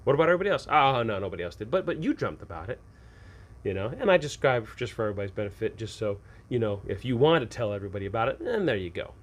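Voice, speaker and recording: A man hosts an advice show for game masters, talking casually and unscripted, often asking questions and answering them himself. His voice is fairly low, very animated, and very fast.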